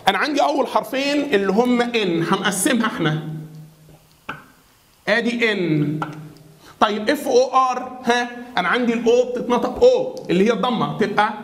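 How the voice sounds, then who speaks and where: A man with an Egyptian Arabic accent teaching English pronunciation in a classroom style. He keeps asking questions for the viewer to answer and slows down to spell words out. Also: very high-pitched, reverberant. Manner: repeats questions and has the viewer answer back.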